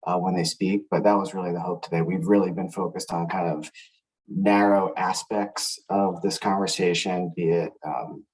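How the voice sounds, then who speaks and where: Very deep flat man, distant from the mic. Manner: measured, searching for words. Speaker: work group member introducing speakers. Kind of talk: introducing speakers in a meeting. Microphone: video call.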